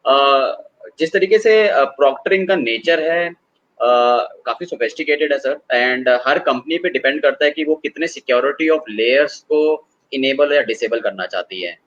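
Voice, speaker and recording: A man explaining online assessment tools as a guest, in a measured and hesitant way, calling the host sir. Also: fairly high pitch, fairly bright tone, lo-fi sound. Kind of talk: conversational explanation.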